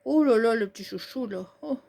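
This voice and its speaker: A woman's voice: a little high, animated, fairly quick, creaky, mellow. A woman chatting casually and giggling as she comments on a manga she is reading aloud. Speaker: manga reader.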